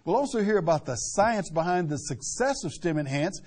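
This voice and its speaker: A man's voice: sits high, expressive, moderate pace, a little mellow, breathy edge. A man co-hosting an infomercial with polished, earnest, scripted presenting. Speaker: infomercial co-host.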